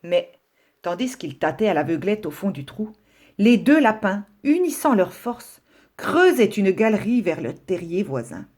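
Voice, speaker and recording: Woman, teacher, reading a children's story aloud, slow, lively, expressive. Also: medium pitch.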